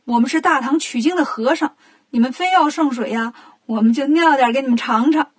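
A woman's voice: sits high, a little fast, natural voice. A woman voicing a clever, cocky male monkey king in a children's storybook, teasing and mock-solemn.

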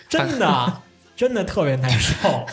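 Young male podcast host, lively swooping delivery, casual and profane. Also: high-pitched, unhurried, slightly rough, soft background music. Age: young adult. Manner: animated storyteller, swears, laughs often. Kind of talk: casual chat.

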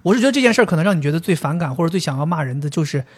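A woman co-hosting a casual chat, playful and quick to joke. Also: deep voice, expressive, husky. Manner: playful, jokes with acted bits. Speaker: podcast co-host.

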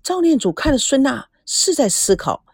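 A woman narrates a family story with an animated, expressive read. Her voice sits a little high and moves a lot. The recording is dry, with no room echo. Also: moderate pace, gravelly. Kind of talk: scripted narration.

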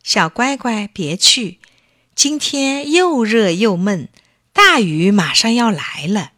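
A gentle mother rabbit speaks softly to her child in a soothing, caring voice, as a woman puts her on. It is a children's storybook reading with a warm, motherly tone. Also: mid-range voice, expressive, slow pace.

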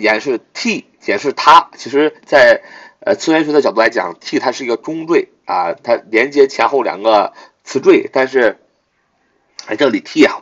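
A male teacher explains vocabulary in a lively, swinging voice that rises on his questions. He repeats each word three times and spells it out letter by letter. The recording sounds dull and lo-fi. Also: mid-range voice, breathy edge. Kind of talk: vocabulary lesson.

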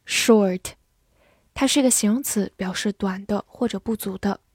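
A woman teaching English vocabulary in a scripted lesson, spelling words letter by letter and reading example sentences slowly. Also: medium pitch, darkish tone, no room sound, studio quality.

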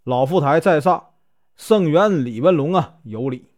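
A man's voice: on the high side, animated, unhurried, darkish tone, no echo, clean studio sound. A male storyteller voicing an anxious young scholar who pleads his case before a judge. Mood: pleading. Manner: pleading, defensive.

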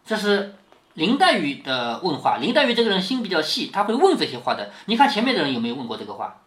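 A man's voice: high voice, fast. A man reading a classic novel to his daughter and explaining it, often checking with questions as he goes. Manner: keeps checking with rhetorical questions; lively, acts out quoted lines. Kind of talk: explanatory storytelling lesson. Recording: roomy echo.

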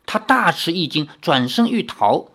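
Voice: mid-range voice, very animated, moderate pace, a bit bright, breathy edge. A storyteller reading a novel aloud in a chatty retelling style, dropping filler particles between phrases. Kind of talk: audiobook narration.

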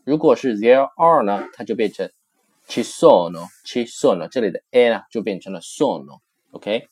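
Male language teacher, low-pitched, patient and repetitive, lecture-style textbook explanation. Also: moderate pace, a little mellow, breathy edge. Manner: patient, repeats phrases several times while explaining; mixes in English comparisons. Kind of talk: recorded textbook lesson explanation.

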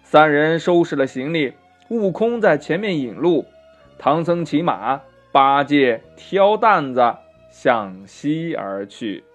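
A man's voice: fairly high pitch, faint music behind. Sing-song male children's storyteller. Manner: lively, sing-song, many drawn-out particles.

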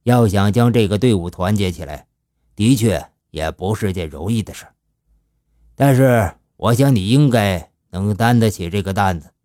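A man's voice: on the low side, dark tone, no echo, studio quality, lightly acted. A man doing a shrewd old gang boss. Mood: measured. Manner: slow, measured, fatherly. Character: shrewd older male gang boss, foster father.

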